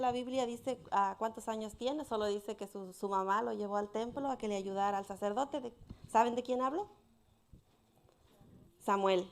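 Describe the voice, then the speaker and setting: Gravelly-voiced woman telling children a story. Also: on the high side. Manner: gentle, simple storytelling with halting restarts. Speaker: children's story teller at church. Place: church sanctuary.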